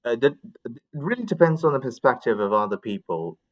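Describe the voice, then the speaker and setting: In an English conversation practice session, a man explains his opinions at length while hunting for words. His medium-pitched, husky voice is very animated and a little fast, and the recording sounds muffled.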